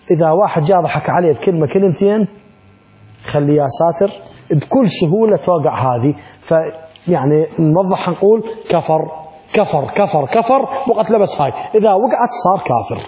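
In this classroom lesson on religious law, a middle-aged Iraqi-accented man speaks with a fairly high but dark-toned voice. He puts rhetorical questions to his students and plays out short exchanges for them.

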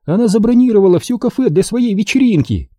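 A man voicing a lively, bossy young woman who runs a café, emphatic and exasperated, in an audiobook. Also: high voice, quick pace, dry recording, clean studio sound, voice pushed up. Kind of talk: audiobook character voice.

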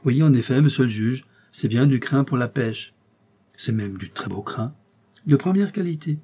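A man's voice: medium pitch, expressive, normal speed, dark tone, breathy edge. A man voicing an earnest police detective in an audiobook, speaking in an explanatory, slightly theatrical way. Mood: lecturing. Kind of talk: audiobook character reading.

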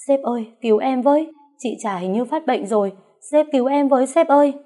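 A scheming young woman whines and pleads in a high, put-upon voice, as a woman reader voices her. She sounds falsely innocent. It is an audiobook story reading with a soft, mellow tone. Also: moderate pace, close to an everyday voice. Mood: whiny pleading. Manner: pleading, wailing.

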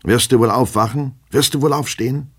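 A man voicing a fretful, fussy middle-aged male clerk who turns shrill and anxious when scolding. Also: animated, normal speed, darkish tone, slightly rough, exaggerated voice.

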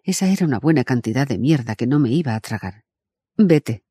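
Husky, dark-voiced male audiobook narrator. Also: mid-range voice, expressive, fast talker, dry recording, clean studio sound.

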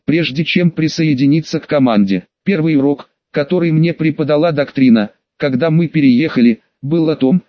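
Man voicing a calm reindeer doctor, matter-of-fact, storybook reading, dull dry audio. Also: fairly high pitch, normal speed, hardly any pauses, dry recording, lightly acted. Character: small male reindeer ship doctor, calm.

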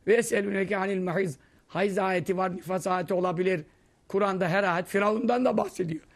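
A man's voice: fast talker, creaky. A man giving a conversational religious lesson, telling anecdotes and acting out the people he quotes. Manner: storytelling, acting out quoted voices, lively swings in pitch and loudness. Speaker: Islamic preacher teaching hadith.

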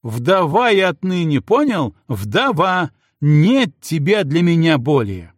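A man's voice: slow pace, creaky, breathy edge, no room sound, studio quality, exaggerated voice. A man voicing a furious jealous princess who screams insults at her husband. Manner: screaming insults, shrill and frantic. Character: furious jealous young princess, shrieking wife.

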